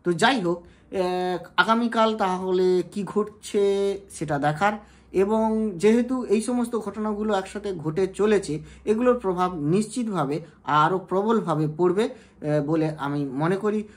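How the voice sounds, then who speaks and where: A woman, speaking at a middle pitch as she hosts an education channel. She explains in a measured commentary, pausing often on hesitation sounds and posing rhetorical questions to her viewers.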